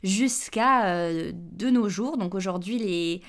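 Femme invitée de podcast, explications posées. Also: female voice, medium pitch, slow. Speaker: podcast guest and host of her own podcast. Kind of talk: casual podcast chat.

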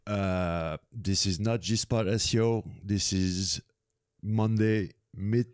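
Slow, hesitant man hosting a podcast. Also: fairly low pitch, fairly even intonation, clean tone, dry recording, studio quality. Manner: slow, hesitant, many fillers and restarts, teasing. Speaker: podcast host. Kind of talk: casual chat.

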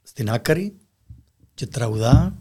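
A man's voice: medium pitch, very animated, noisy background. A man with a Greek Cypriot accent, chatting casually in colloquial dialect as a podcast guest. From Cyprus. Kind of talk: casual conversational interview.

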